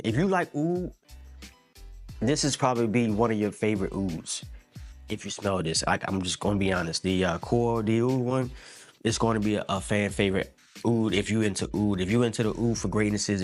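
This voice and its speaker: A man talks through a fragrance review in a relaxed, slangy way, repeating words and dropping "man" into his sentences. His voice sits a little low. Soft music plays faintly behind him. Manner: laid-back, slangy, repeats words and says "man" often. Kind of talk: casual product review.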